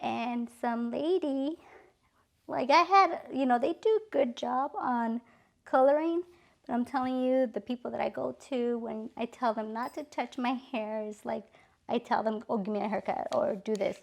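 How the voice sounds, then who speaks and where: Gravelly-voiced chatty woman vlogger. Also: fairly high pitch, moderate pace. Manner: chatty, full of "like" and "literally", exasperated. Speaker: beauty vlogger. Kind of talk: casual storytelling.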